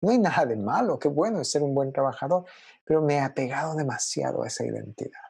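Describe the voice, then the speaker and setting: A young adult man preaching a sermon in a conversational, expressive way, often checking in with his listeners. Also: medium pitch, quick pace, gravelly, slightly rough, no echo.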